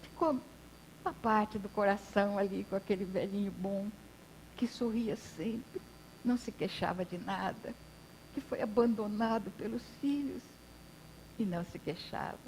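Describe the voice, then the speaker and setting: A woman's voice: medium pitch, normal speed, darkish tone, a little hiss or hum, rough recording. A woman speaker giving a spiritist lecture, telling a personal story in an intimate, emotional way with hesitations.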